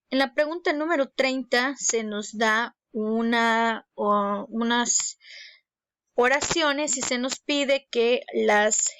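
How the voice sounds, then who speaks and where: A woman's voice: fairly high pitch, a little hiss or hum. A woman teacher, going through exam answers and explaining each one, with filler words like "eh" and "este". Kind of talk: exam review lesson.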